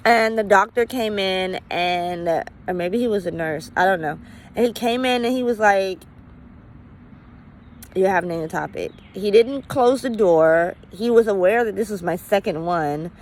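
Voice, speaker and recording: A woman's voice: medium pitch, measured pace, a little hiss or hum. A woman telling her own story in a candid, conversational vlog, full of fillers and at times close to tears. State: emotional, near tears at times. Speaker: vlogger.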